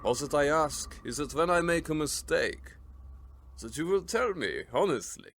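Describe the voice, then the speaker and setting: A man playing a courtly, sinister vampire count, an old Transylvanian nobleman, with formal, deliberate radio drama delivery. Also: on the high side, very animated, a bit bright, full character voice. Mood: polite, guarded. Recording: faint background ambience noise.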